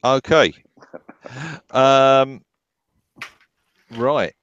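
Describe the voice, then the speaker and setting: Slow, halting game master man. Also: medium pitch, a bit bright, clean tone, no room sound, lo-fi sound. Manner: halting, full of ums and restarts. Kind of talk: narrating a tabletop horror game.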